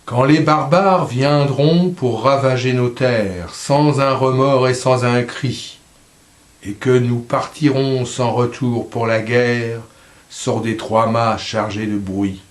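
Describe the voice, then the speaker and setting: A man reciting poetry in a slow, solemn voice, letting line endings drop softly. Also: medium pitch, fairly even intonation, roomy sound. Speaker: poetry reader.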